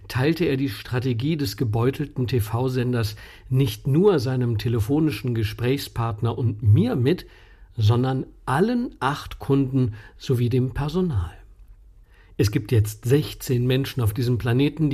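Guy reading his column, wry tone, warm dark voice with a bit of rasp. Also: medium pitch. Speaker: writer and columnist.

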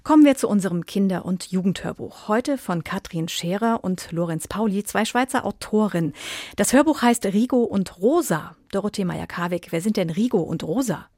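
Female radio presenter, mid pitch, close and dry, brisk moderation. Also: lively intonation, a little mellow, dry recording. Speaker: radio host. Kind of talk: radio book review show.

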